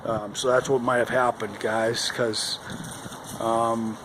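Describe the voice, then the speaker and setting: Male vlogger, mid-pitched, rambling casual talk, recorded outside with clear wind noise over a handheld camera. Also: little pitch movement, takes it slowly. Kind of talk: casual vlog chat to camera. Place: outdoors in the cold wind. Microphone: handheld camera at arm's length. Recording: windy outdoor recording, loud wind noise. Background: howling wind noise.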